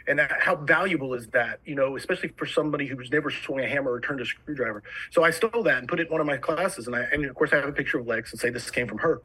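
Fast-talking, fired-up Jersey man. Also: medium pitch, bright, forceful tone, husky, poor audio. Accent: New Jersey. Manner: eager, rapid storytelling. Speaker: fire service instructor, guest. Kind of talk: casual podcast conversation.

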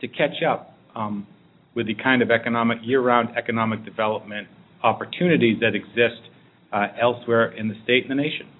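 A man explaining things as an interview guest in a measured way. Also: medium pitch, steady tone. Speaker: interview guest, regional planning director. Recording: narrow muffled phone-like sound with faint noise.

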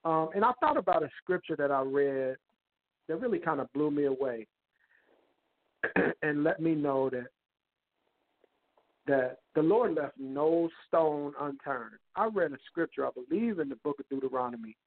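A man talks over the phone on speakerphone, tucked away in a bathroom. His speech is halting and full of repeats. The line sounds thin and tinny, and his voice sits a little high. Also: expressive. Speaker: caller in a prayer group. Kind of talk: casual church prayer-call sharing.

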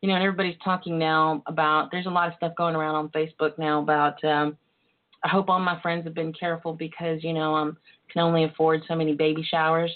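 A woman's voice: deep voice, level tone, fast. A woman hosting a casual internet radio show with a campy, sassy, bawdy and chatty manner. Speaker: host. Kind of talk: casual solo radio chat. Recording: tinny phone line sound.

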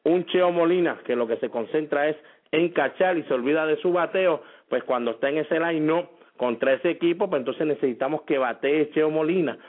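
A man's voice: fairly high pitch, normal speed. Man asking baseball questions over a thin line. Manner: sets up questions for his co-host. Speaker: podcast host. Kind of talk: casual sports talk. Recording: tinny phone-like line.

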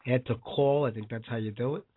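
A man's voice: medium pitch, fairly even intonation, a little fast, slightly rough. A man hosting a casual live radio show, his voice worn by a cold. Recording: phone-like lo-fi audio.

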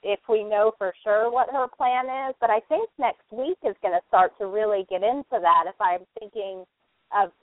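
A woman's voice: medium pitch, normal speed, no echo. A woman co-hosting a casual podcast, chatty and given to dry one-word quips. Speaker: podcast co-host. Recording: dry phone-like audio.

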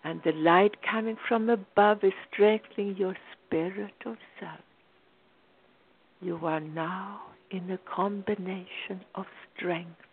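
Female meditation guide, unhurried and soothing, slipping into whispers; thin, tinny recording. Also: mid-range voice. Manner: slow, soothing, drifting into whispers. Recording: tinny phone-like sound.

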